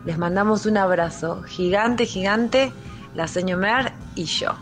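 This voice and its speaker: Argentine woman, music teacher, unhurried school-radio lesson, patient and explanatory, faint music underneath. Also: medium pitch. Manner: patient, explaining step by step with frequent fillers.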